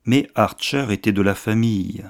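A man reads a classic novel aloud with measured, literary pacing. His voice sits low, and his narration is steady and composed throughout. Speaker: audiobook narrator.

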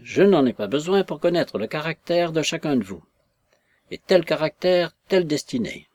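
A man's voice: on the high side, big pitch swings, a little mellow, no room sound, voice pushed up. A man voicing a blunt, simple old woman telling fortunes. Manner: blunt, slow.

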